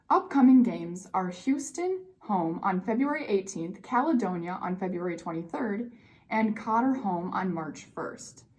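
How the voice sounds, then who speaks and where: An American woman presents community news from a script. Her voice sits at an average pitch for a woman, in the manner of a local newscaster. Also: a little mellow.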